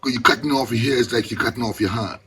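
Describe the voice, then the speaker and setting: A man's voice: medium pitch, rapid-fire, fairly bright tone, a little hiss or hum. An older man from the Bahamas with a Caribbean accent, reasoning informally and with passion in Rasta speech with patois phrasing. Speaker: Rastafarian elder.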